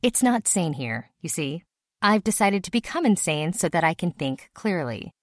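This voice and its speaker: A woman voicing a weary, gruff male company executive who speaks slowly and sternly. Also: big pitch swings, no room sound, studio quality. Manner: slow, gruff, low delivery.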